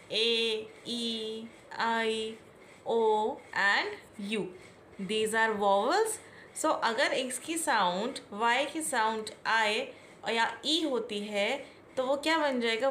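A woman's voice: high-pitched, fairly bright tone, a little hiss or hum. A woman with an Indian accent explaining English pronunciation rules to learners, patient and repetitive, often asking questions back. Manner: slow, patient, repeats key points and asks questions back. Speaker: English teacher. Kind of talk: classroom-style explanation.

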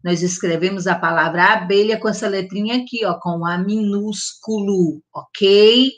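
A woman teacher giving a gentle vowel lesson to young children, drawing out each sound and often checking in with the class. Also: medium pitch. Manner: slow, drawn-out enunciation with diminutives and check-ins; stresses and stretches the vowel sounds loudly. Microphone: close mic, online class recording.

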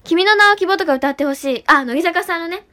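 A woman livestreaming as an idol, talking fast and bubbly while reading out and answering chat comments. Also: extremely high pitch, bright, forceful tone. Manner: bubbly, often repeats "really".

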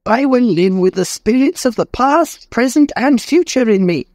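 A man's voice: high-pitched, a little slow, darkish tone, no echo, clean studio sound, voice pushed up. A man voicing old Scrooge in a storybook reading, emotional and exclamatory, pleading with spirits. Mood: overjoyed. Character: old man Scrooge, repentant, desperate then overjoyed.

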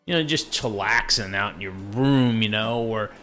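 A man's voice: fairly low pitch, moderate pace, a bit bright, slight background noise. Rambling laid-back male tech streamer. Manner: rambling, goes off on tangents; laid-back, jokey, self-interrupting. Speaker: show host. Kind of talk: casual live-stream commentary.

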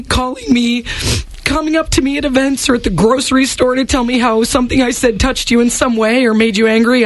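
A woman's voice: a little high, no echo, poor audio. A woman radio co-host giving an emotional on-air farewell, crying and sniffly, laughing through her tears. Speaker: radio morning show co-host.

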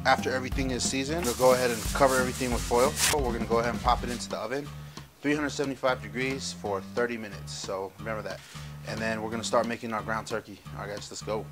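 A cooking vlogger casually walks viewers through a home cooking tutorial in his kitchen, chatting in a relaxed, easygoing way as he cooks. His voice is medium-pitched and recorded from a distance.

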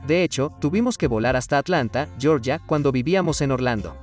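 A man's voice: mid-range voice, animated, brisk, far from the mic, faint music behind. A young man giving an upbeat, casual tour of the converted shuttle bus he lives in.

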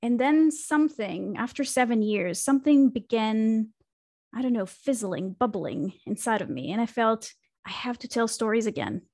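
A woman's voice: fairly high pitch, lively intonation, moderate pace, a little mellow, dry recording. A woman, a podcast guest reflectively telling her career story with fillers and restarts, speaking into a studio microphone on a video call from a small home room. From Israel. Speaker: podcast guest, marketing consultant. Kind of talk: casual interview conversation.

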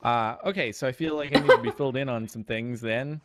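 A man talks casually during a game and keeps asking his friends what he missed. He tells stories in a loose, chatty way, and his voice sits at an average pitch. A faint hiss of noise runs under his voice. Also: a little fast. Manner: curious, full of questions. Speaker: fellow player. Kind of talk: casual gaming chat.

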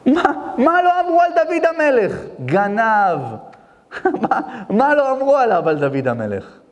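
A man, a rabbi, giving an impassioned sermon, swinging between soft and loud and chanting verses. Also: very high-pitched, big pitch swings. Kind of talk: emotional sermon. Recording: echoey hall with soft music behind.

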